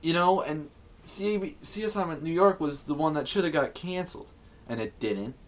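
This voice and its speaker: A man's voice: on the high side, normal speed. A man ranting to camera in a casual video, rambling and repeating himself, with many restarts, indignant and earnest. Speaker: vlogger. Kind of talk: casual opinion rant to camera.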